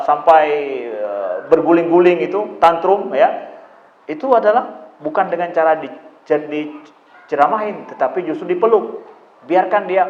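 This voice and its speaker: A male preacher with a lilt lectures on parenting in a fairly high voice, circling back over his points and putting questions to his listeners. The sound is roomy and a bit dull, like a lecture recorded across a room. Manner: repetitive, conversational, asks the audience rhetorical questions.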